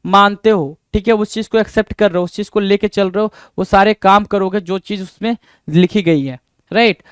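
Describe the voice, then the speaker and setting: Guy teaching vocab, keeps asking "what does it mean?", high clear voice. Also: steady tone, moderate pace, dry recording. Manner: rhetorical questions to students, repeats words. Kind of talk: exam-prep vocabulary lesson.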